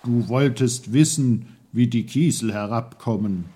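Man playing Onkel Pfefferkorn, a gruff tiny schoolmaster. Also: medium pitch, unhurried, warm tone, a little hiss or hum, natural voice. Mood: lecturing. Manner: gruff, lecturing.

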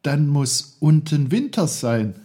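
A man voicing an eager, curious young boy in a storybook reading, excited and full of questions. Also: fairly high pitch, takes it slowly, breathy edge, voice pushed up, heavily acted.

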